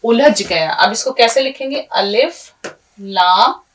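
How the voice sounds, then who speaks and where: Woman teacher, patient, spells letters out slowly, fairly high voice, mic far off in a classroom. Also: animated, fairly bright tone. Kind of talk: language lesson with a story.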